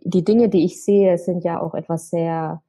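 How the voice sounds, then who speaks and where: A woman's voice: fairly low pitch, steady tone, a little slow, dark tone, slightly rough. A woman from Germany, a travel blogger, talking casually about her trips, thinking aloud with fillers and restarts. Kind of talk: casual podcast conversation.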